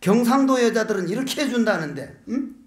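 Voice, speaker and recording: A man's voice: high-pitched, animated, a little fast. An older man preaches, telling folksy jokes and tossing out rhetorical questions. He is a Buddhist monk giving a sermon. The sound is echoey, as in a large lecture hall.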